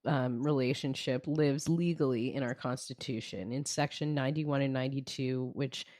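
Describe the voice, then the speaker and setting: A woman co-hosting a podcast panel, relaxed and affirming, moving the talk along. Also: very deep voice, moderate pace, dry recording, clean studio sound. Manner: relaxed, affirming, brief backchannels. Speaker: podcast co-host. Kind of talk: casual panel discussion.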